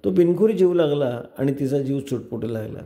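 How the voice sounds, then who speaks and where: Mellow-voiced male storyteller in a roomy space. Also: medium pitch, fairly quick. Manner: steady narration. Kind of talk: reading a novel aloud.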